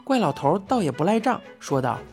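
A woman narrating a children's story in an expressive, lively reading style. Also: medium pitch, a little fast, music in the background.

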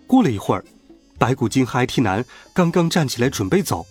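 A man narrating a children's story in a playful, animated way. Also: medium pitch, a little fast. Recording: faint background music.

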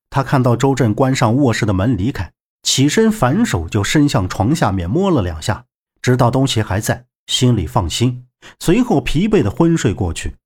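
Man, audiobook narrator, husky voice, lively pitch, expressive. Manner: expressive storytelling. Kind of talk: web novel audiobook narration.

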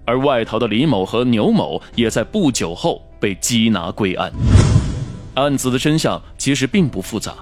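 Animated male true crime narrator. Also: medium pitch, moderate pace, faint music behind.

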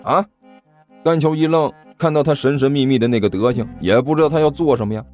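A man narrating a story in a lively, expressive way. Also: mid-range voice, quick pace, faint music behind. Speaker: audiobook narrator.

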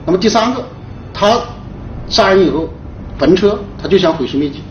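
A male investigator explains a case methodically in an interview. His voice is fairly high and quick. It is recorded a little way from the mic in a noisy, echoing room. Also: animated. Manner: enumerates points methodically. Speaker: police investigator giving an interview. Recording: echoey, distant, dull, noisy room.

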